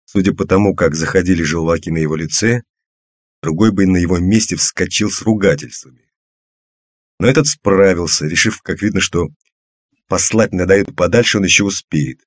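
Man, audiobook narrator, measured first-person reading, deep voice, dry studio sound. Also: dry recording.

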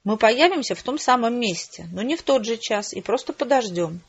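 A woman voicing a wry, unflappable middle-aged father in an audiobook, calm and ironic. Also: a little high, brisk, slightly rough, dull audio. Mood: scheming.

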